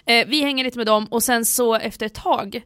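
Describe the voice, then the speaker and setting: Young woman podcast cohost, fairly high voice, tells stories loud and swears a lot, dry sound. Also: no room sound. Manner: animated storyteller, acts out quotes, swears freely. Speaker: podcast co-host. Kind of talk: casual podcast chat.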